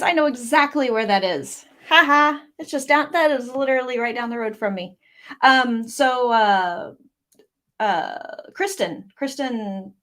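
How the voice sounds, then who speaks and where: A woman's voice: mid-range voice, fairly bright tone. A woman hosting a casual writing livestream from home, reading viewer comments aloud and rambling between them with lots of fillers. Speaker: livestream host.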